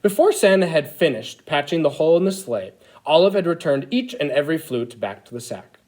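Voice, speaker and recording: Man playing an animated, childlike Christmas elf storyteller. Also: fairly high pitch, fairly quick, poor audio. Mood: eager storytelling. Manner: expressive, exaggerated, addressing children. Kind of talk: animated picture-book read-aloud.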